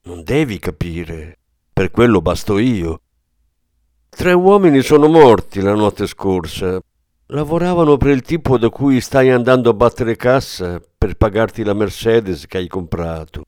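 A man voicing a grieving, menacing former policeman in an audiobook, with a hard, forceful delivery. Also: fairly low pitch, animated, measured pace, dry recording, studio quality. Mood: threatening.

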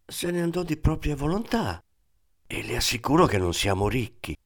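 A man reading an audiobook, voicing a nervous middle-aged priest who runs a school and pleads defensively in a lifted, softer voice. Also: medium pitch, big pitch swings, moderate pace, dry recording, pitched above the performer's own voice. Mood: evasive.

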